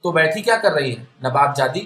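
A sharp-tongued old mother-in-law barks orders and insults, as a male storyteller reads her. His voice sits somewhat high and rings in an echoing room. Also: expressive. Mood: scolding. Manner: sharp, abusive scolding.

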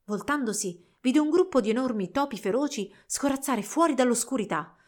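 Woman reading a fairy tale calmly. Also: high voice, brisk. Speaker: narrator. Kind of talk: storybook narration.

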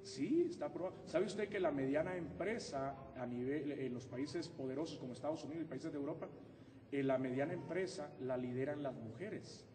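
Male pastor, high voice, lively humorous sermon delivery, heard from a distance with a long hall reverb. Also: moderate pace, background noise. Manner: animated and humorous, acting out husband-wife exchanges. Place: church sanctuary. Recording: echoey hall, preacher away from the mic.

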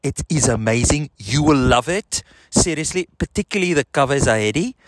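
Speaking briskly and expressively at a medium pitch, a middle-aged South African man with a matching accent records a casual video message on a handheld recorder. Background noise is audible while he rambles, cursing and making fun of himself.

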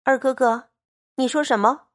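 A woman voicing a delicate, sharp-tongued young noble girl in a storytelling reading, coy and prickly by turns. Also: high-pitched, moderate pace, pitched above the performer's own voice, lightly acted. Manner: coy teasing turning to tearful indignation.

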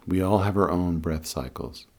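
Male meditation guide: extremely deep register, husky tone, soothing and unhurried delivery. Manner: calm, soothing, unhurried instruction. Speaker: guided meditation and breathing teacher.

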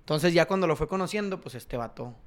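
Un hombre con acento mexicano que platica de manera informal y cuenta anécdotas con mucha jerga callejera, repitiendo frases. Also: male voice, fairly high pitch, animated, fast talker. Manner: slangy northern-Mexican street talk, repeats phrases. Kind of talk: casual chat with slangy storytelling.

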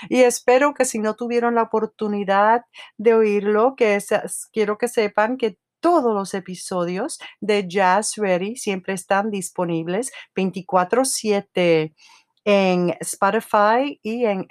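A woman hosting a podcast with a New York Spanglish accent, chatting casually, laughing often and slipping into English. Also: mid-range voice. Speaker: podcast host.

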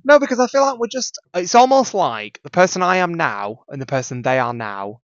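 Speaking a little fast and very animated in a high voice, a young Northern English co-host teases and offers blunt opinions in casual podcast chat. The mic is dry and slightly dull, with no room sound.

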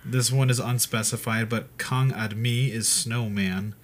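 A man's voice: mid-range voice, steady tone, unhurried. A young man co-hosting a casual podcast, joking around and reading facts aloud in a laid-back way. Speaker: podcast co-host. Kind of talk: casual chat.

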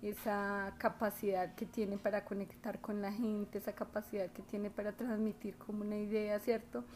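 A woman chatting casually, expressive and animated as she tells stories, softer and musing when she reflects. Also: mid-range voice, moderate pace, slight background noise. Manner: expressive, animated storytelling with put-on quoted voices. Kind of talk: casual chat.

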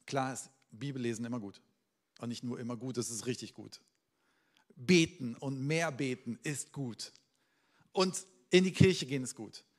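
A man in his thirties preaches to his congregation, rising to loud outcries and dropping to near-whispers in turn. His voice sits at an ordinary middle pitch. He keeps turning to the room with direct questions. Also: moderate pace. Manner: dynamic preaching, swinging between loud outcries and quiet, hushed asides. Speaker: pastor. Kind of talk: sermon.

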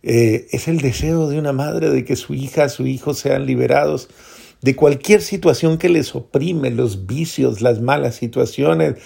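A man preaching a homily as a priest, earnest, repeating phrases for emphasis and dropping to soft prayerful tones. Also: medium pitch, creaky, husky.

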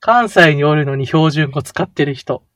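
A man's voice: a little high, animated, normal speed, a bit bright, no room sound. Joking young Kansai man. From Kansai, Japan. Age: 20s. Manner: opinionated, joking, teasing. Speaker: podcast co-host. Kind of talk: casual podcast chat.

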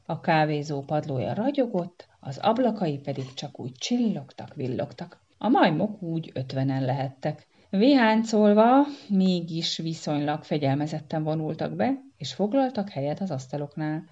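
A woman narrating a children's storybook in a lively, expressive way. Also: sits low, few pauses, highs cut off. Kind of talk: storybook reading.

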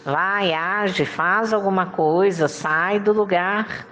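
A woman's voice: medium pitch, slow pace, a bit bright. A woman giving a motivational monologue, coaxing listeners with rhetorical questions and frequent laughs. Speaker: motivational speaker.

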